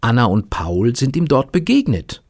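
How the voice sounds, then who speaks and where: A man's voice: mid-range voice, normal speed. A man presenting a children's radio show, cheerful and playful. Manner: cheerful and playful, with lively intonation.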